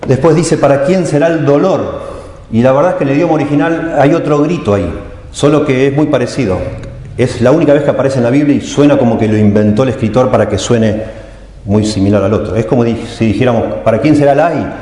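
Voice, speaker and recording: A man's voice: medium pitch, quick pace, dark tone. Man preaching in an echoey hall. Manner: teaching, explaining scripture with emphatic quoted cries. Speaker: pastor. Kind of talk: sermon. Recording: echoey hall with long reverb.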